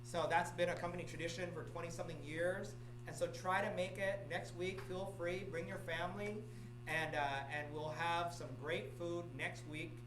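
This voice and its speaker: Here a real estate office manager or broker, a middle-aged Vietnamese man, runs through office meeting announcements, saying things more than once and checking in with "okay?" often. His voice sits high with fairly even intonation and a moderate pace, against a noisy background.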